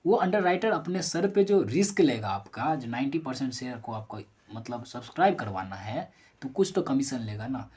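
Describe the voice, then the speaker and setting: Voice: medium pitch, sing-song, normal speed, a little mellow, breathy edge. A commerce teacher giving a recorded lesson who explains step by step with worked number examples. The teacher talks straight to the students, asking and then answering their own questions and correcting themselves mid-sentence.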